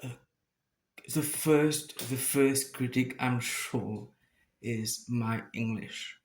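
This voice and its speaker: A man with a Mauritian accent and Mauritian Creole as his first language talks casually to viewers, halting as he searches for words and repeats phrases. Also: medium pitch, slight background noise. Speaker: YouTuber making a first video.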